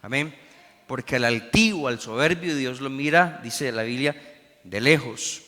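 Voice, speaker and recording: A man's voice: mid-range voice, measured pace, sharp tone, in a large hall. A man, preaching a Sunday school sermon emphatically and calling out "amén" to the congregation. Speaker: pastor.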